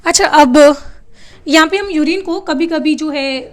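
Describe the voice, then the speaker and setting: High-voiced woman teaching biology. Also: a little slow. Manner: asks the class questions and answers them herself; mixes English terms into her explanations. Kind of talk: classroom lecture.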